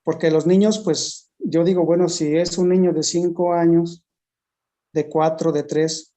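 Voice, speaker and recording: A speaker recounting personal experiences slowly, in a halting way, retelling conversations. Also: mid-range voice, steady tone, warm tone. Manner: unhurried, halting, retells dialogues. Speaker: interviewee. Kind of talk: slow storytelling testimony.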